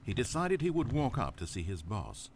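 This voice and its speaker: An actor voicing a dry, wry, all-knowing narrator in a video game, measured and sardonic. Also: male voice, medium pitch, huge pitch swings, gravelly, a little hiss or hum. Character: dry, wry omniscient male storybook narrator. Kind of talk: scripted narration.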